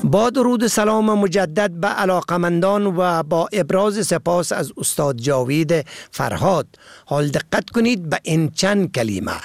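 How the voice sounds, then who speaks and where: A man's voice: sits high, lively intonation, gravelly, no echo, soft background music. A man presenting a scripted radio lesson, carefully spelling words out letter by letter. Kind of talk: scripted educational reading.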